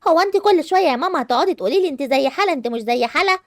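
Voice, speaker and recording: A woman with an Egyptian accent voicing a jealous, sharp-tongued young girl in a game movie, whiny and defensive. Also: high-pitched, animated, very fast, no room sound, clean studio sound, voice pushed down. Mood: sulky. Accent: Egyptian Arabic. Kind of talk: animated game movie voice acting.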